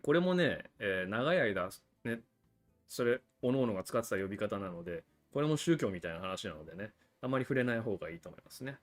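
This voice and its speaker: A man hosting a livestream about cigars, explaining things in a chatty, casual way with frequent asides to viewers. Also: fairly low pitch. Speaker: cigar channel host.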